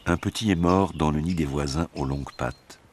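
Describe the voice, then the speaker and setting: A man narrating a nature documentary from a script, in a measured storytelling delivery. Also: very deep voice, slight background noise.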